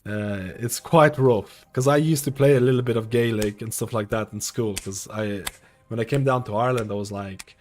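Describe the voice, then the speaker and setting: Speaking at a moderate pace in a lowish, darkish voice with a slight hiss or hum, this thirty-something Lithuanian streamer chats loosely with his audience from his home setup. His talk wanders, circles back on itself, and is thick with filler words.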